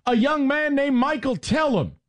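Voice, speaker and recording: High, lively-voiced ranting sports host. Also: male voice, normal speed. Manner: sarcastic, ranting, mocking. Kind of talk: heated sports talk rant.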